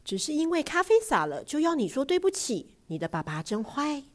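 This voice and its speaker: A woman voicing a gentle, patient mother who coaxes softly and sometimes hushes to a whisper. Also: high-pitched, sing-song, fairly quick, pitched above the performer's own voice. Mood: coaxing. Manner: soft, coaxing, hushed at times.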